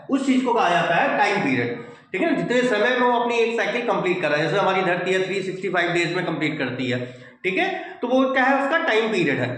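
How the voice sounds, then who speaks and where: A high-pitched man gives a physics lecture, walking students through each step and often checking they follow. He mixes English technical terms into his Hindi. His voice rings in a very echoey room. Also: fairly bright tone. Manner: explanatory, repeats phrases, checks understanding. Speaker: physics teacher. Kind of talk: whiteboard lecture.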